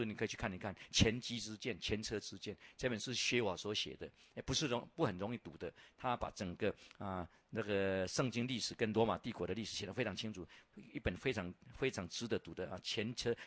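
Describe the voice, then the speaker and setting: A man lecturing over slides about Bible lands, telling lively stories, asking rhetorical questions, and often filling pauses with "ah". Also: fairly low pitch, no echo. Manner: frequent filler "ah".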